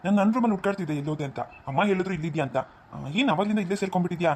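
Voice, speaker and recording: A woman voicing a young husband in a cartoon, calling out in a fast, offhand way. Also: fairly low pitch, a little hiss or hum, voice pushed down, close to an everyday voice. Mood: brisk. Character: young husband, brisk and friendly.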